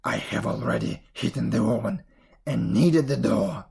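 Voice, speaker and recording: A narrator doing a rough, creaky, wicked old witch. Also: mid-range voice, a little slow, dark tone, voice pushed down, exaggerated voice. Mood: scolding, bossy. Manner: commanding, scolding, mocking. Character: wicked old witch, feigning kindness, cruel, bossy.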